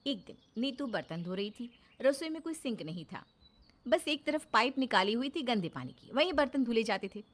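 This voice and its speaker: A woman narrating a scripted cartoon story in a steady storyteller manner. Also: a little high, moderate pace.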